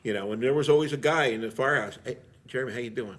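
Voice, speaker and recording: A middle-aged veteran firefighter, speaking as an interview guest, tells stories in a plain, rambling way with frequent filler phrases. His voice is medium-pitched and very fast.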